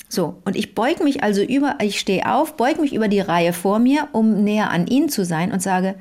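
A woman's voice: medium pitch, darkish tone. A woman co-hosting a casual phone chat, telling a long story with many fillers and restarts. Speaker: podcast co-host.

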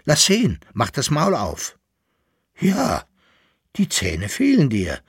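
A man voicing an eager, talking poodle dog in a storybook reading, with a husky, lively voice. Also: mid-range voice, no echo, studio quality, voice pushed up, exaggerated voice. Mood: excited. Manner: eager, quick to protest.

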